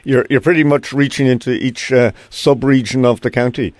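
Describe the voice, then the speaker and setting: A man's voice: mid-range voice, steady tone, normal speed, a little mellow, no room sound. An Irish man hosting a business interview on the radio. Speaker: radio business show host.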